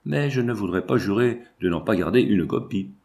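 A man reading the part of an earnest, proud young painter in a storybook, sincere and measured. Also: on the low side, lively intonation, gravelly, a little mellow. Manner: earnest, then cold and stiff.

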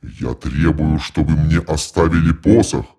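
Man voicing a deep alien priest muffled through a door. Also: measured pace, gravelly, mellow, slightly rough, full character voice. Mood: indignant. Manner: solemn, lofty, declaiming. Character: huge horned alien priest, dignified and haughty. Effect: muffled through a closed door. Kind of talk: audiobook narration.

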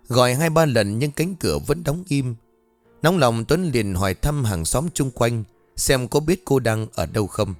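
Male storyteller for a ghost tale, animated delivery, dry close mic. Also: medium pitch, no echo. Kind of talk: scripted ghost story narration. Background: faint background music.

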